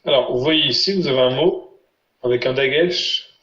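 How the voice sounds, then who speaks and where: A man's voice: medium pitch, normal speed, pushed and bright. Patient male teacher quizzing his students. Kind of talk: online language lesson. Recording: roomy, muffled lo-fi sound.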